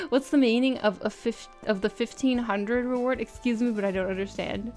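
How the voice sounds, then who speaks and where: A woman's voice: fairly high pitch, expressive, normal speed, a little mellow. A woman chatting informally on a livestream and reading out viewer comments in a giggly, self-deprecating way. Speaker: art livestreamer. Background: music.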